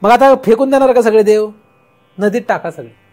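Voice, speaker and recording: Speaking at a moderate pace in a warm, high voice, an Indian spiritual teacher with a Marathi accent delivers a discourse. He raises rhetorical questions only to answer them, while music plays faintly behind him.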